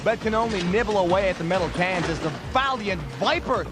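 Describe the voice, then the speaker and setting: A man announcing a competition with bombastic, theatrical reality-show hype, building up the drama with excitement. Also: sits high, fairly quick. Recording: loud music behind the voice.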